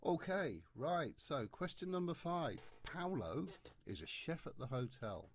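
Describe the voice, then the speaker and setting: A man's voice: fairly high pitch, sing-song, a little slow, slight background noise. A man talking through a maths exam paper step by step, chatty and jokey. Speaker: maths tutor. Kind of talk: exam paper walkthrough lesson.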